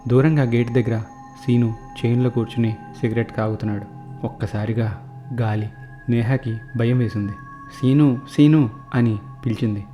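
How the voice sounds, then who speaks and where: A man narrates a horror story in a warm, low-toned voice. He slips into each character's lines, rising in pitch and volume whenever someone is frightened or excited.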